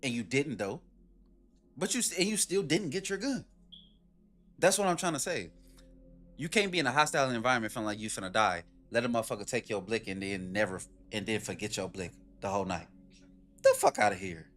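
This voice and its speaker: A man streaming, reacting to a video with animated, profane, rhetorical ranting in casual commentary. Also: medium pitch, brisk.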